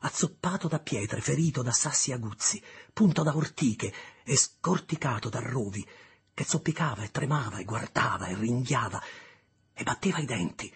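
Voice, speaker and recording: A man narrating an audiobook in a measured, deliberate reading style, with a husky voice. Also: medium pitch, animated. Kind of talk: scripted literary narration.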